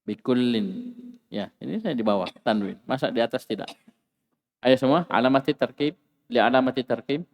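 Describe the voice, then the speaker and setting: A man's voice: mid-range voice, expressive, fairly quick, darkish tone, in a large hall. A man teaching an Arabic class, who asks the students questions and repeats key words with rising emphasis.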